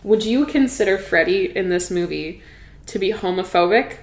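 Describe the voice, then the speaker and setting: A woman's voice: mid-range voice, expressive, normal speed. A young woman hosting a podcast, chatting casually and giggling, with lots of filler words. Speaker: podcast host. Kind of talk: casual chat. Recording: echoey room.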